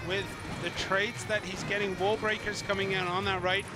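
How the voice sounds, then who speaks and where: A man casting an esports match, with quick, excitable play-by-play and reactions. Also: high voice, very noisy. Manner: excitable, quick reactions, mock-scolds the player. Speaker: esports caster. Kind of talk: play-by-play commentary.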